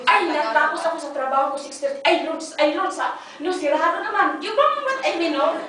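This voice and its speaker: High-voiced woman testifying in echoey hall. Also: brisk, crowd noise. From Philippines. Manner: animated storytelling, acts out dialogue, mixes in English. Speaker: guest speaker giving a testimony. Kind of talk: inspirational church talk. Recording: echoey hall, distant mic, faint noise.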